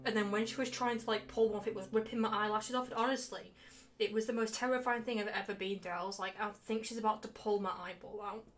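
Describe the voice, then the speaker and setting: She's a game streamer, young and casual, whose medium-pitched voice moves fast with fairly even intonation. Her chatty livestream is rambling and full of swearing and self-mockery, set against loud guitar game music.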